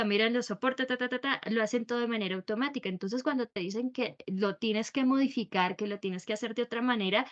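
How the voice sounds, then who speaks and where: Woman teacher, lecturing an online class; fairly high voice, dull lo-fi sound. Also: fairly bright tone. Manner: explanatory, asks students rhetorical questions. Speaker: cost accounting teacher.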